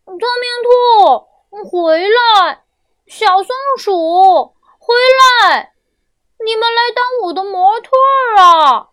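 A woman doing a silly young wolf, very high. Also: sing-song, slow pace, a bit bright, dry recording, heavily acted. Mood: calling out. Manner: puzzled, earnest, childlike. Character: silly good-natured young male wolf. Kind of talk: children's storybook narration.

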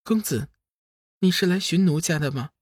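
A coy, flirtatious fairy concubine, as a man puts her on for a storybook reading, her voice pitched high and wheedling. Each line comes out softly husky and dry. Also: normal speed, dry recording.

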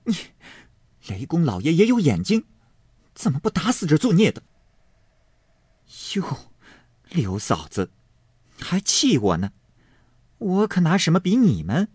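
A man voicing a quarrelsome young maid who scolds and sneers in sharp bursts. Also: a little high, wildly swooping pitch, a little slow, long pauses, husky, no echo, studio quality, pitched above the performer's own voice, exaggerated voice. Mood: scornful.

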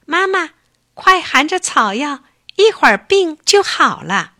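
Lady doing a high eager bear cub, earnest and kind, storybook voice. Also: sing-song, bright, forceful tone, dry recording, clean studio sound, exaggerated voice. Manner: earnest, hurried, helpful.

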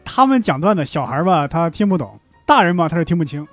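A man co-hosting a podcast, telling stories in a quick, animated way. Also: on the high side, soft background music. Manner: lively, fast, animated storyteller. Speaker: podcast co-host. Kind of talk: casual podcast chat.

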